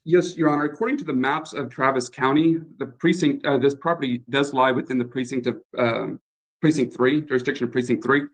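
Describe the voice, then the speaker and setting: Man, attorney, hesitant, apologetic, fillers, mid pitch, choppy conference call audio. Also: steady tone, brisk, rough recording. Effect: choppy video conference call audio. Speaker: attorney for the landlord. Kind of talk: formal court hearing. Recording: faint voice on a breaking-up call.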